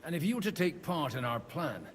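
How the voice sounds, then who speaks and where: A man voicing a polite, quick-witted young hero in a game, courteous and gently wry. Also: a little high, very animated. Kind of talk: game dialogue acting. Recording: echoey hall, faint background noise.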